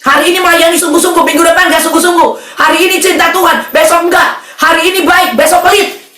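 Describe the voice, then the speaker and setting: Woman pastor, bright high voice, animated sermon delivery, distant mic in an echoey hall. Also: quick pace, faint music behind. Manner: animated preaching, calling out to the congregation. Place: church hall.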